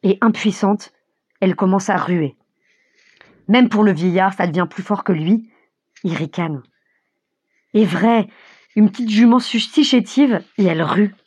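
Brief: woman audiobook narrator, husky, expressive, dry close mic. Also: medium pitch, unhurried, pauses often, dry recording. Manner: vivid, expressive storytelling.

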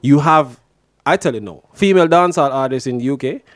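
A man hosting a casual show, teasing his guest and repeating himself excitedly. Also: medium pitch, fairly quick, dry recording. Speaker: host. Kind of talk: casual radio-style chat.

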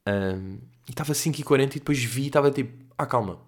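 A young man from Portugal with a European Portuguese accent, hosting a podcast in a rambling, slangy, animated casual monologue. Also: mid-range voice, fast talker. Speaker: podcast host.

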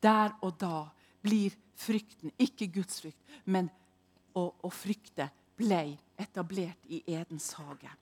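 A woman preaching a sermon, telling a personal story dramatically and moving between hushed and loud delivery. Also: fairly low pitch, breathy edge.

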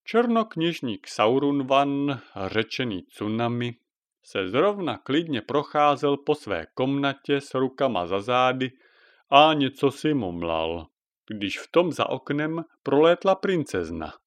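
A father spinning a fairy tale for his child, his mid-range voice rising and falling with animated expression. The recording is dry and close, with no room sound. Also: medium pitch, no room sound. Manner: lively, expressive. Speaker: father telling a bedtime story. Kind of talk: storytelling narration.

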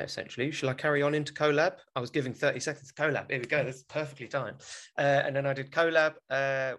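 A young man with a South London accent chatting casually in an interview, informal, blunt and self-deprecating. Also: medium pitch. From South London, England. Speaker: podcast guest, theatre director.

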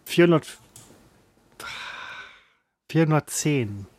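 A man's voice: a little high, animated, slow pace, a little mellow, no echo. A man co-hosting a podcast, bantering casually and protesting in jest. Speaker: podcast co-host. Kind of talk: casual banter over a remote call.

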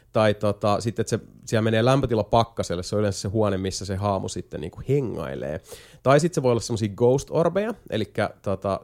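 A man chatting casually as a podcast host, explaining a video game at length with lots of hesitation fillers and a few jokes. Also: lowish voice. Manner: jokey, lively storytelling. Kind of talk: casual chat.

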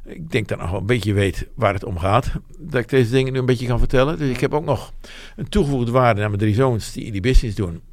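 In a reflective interview, a man in his seventies who owns a business speaks openly about his working life, rambling and poking fun at himself. His mid-range voice has a darkish tone and runs a little fast, barely pausing, with no echo.

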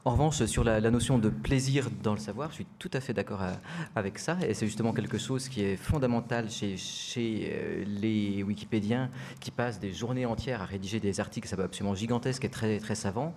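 A man's voice: on the low side, fairly quick, darkish tone, a little hiss or hum. A man speaking on a discussion panel, thoughtful and hesitant with many fillers.

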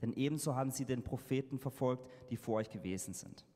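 A man interpreting a sermon live into German, halting and correcting himself as he goes. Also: mid-range voice, warm tone, slightly rough. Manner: halting, with fillers and self-corrections. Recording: reverberant hall sound.

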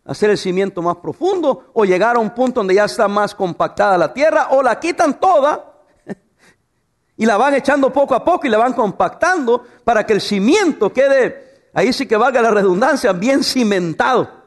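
A man's voice: extremely high pitch, animated, moderate pace. A man preaching a sermon, asking rhetorical questions and telling humorous stories about his wife. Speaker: pastor.

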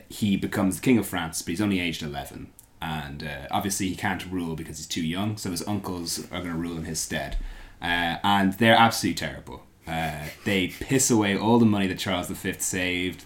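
A man's voice: low-pitched, a bit bright. A man casually telling a history story to co-hosts, rambling along with many fillers and playful asides. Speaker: podcast co-host telling the story.

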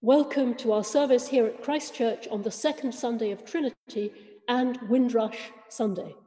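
A woman vicar opens a service and reads the notices in a slow, formal liturgical cadence. Her fairly high, mellow voice trails off into a long cathedral echo. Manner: measured, formal liturgical delivery. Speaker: vicar leading a church service. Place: church. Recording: long church reverb.

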